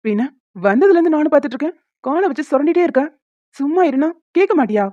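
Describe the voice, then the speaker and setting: A woman's voice: sits high, lively intonation, fast, mellow, dry recording. A woman voicing a worried young father and husband who frets earnestly in a cartoon. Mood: fretful. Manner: earnest, fretful pleading. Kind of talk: cartoon voice acting. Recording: dull lo-fi dry recording.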